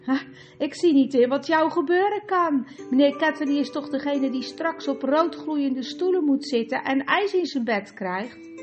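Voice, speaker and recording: A woman voicing a spirited, sharp-tongued young girl who speaks in a cool, sarcastic way, over guitar music. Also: sits high, lively intonation, normal speed, dull audio, voice pushed up.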